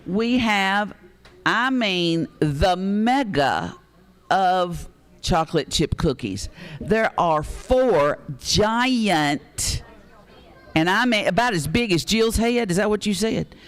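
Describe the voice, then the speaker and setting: A man's voice: high-pitched, animated, a little slow, fairly bright tone, smooth. A man hosting a live charity auction, reading off bids and names in a folksy way with frequent fillers.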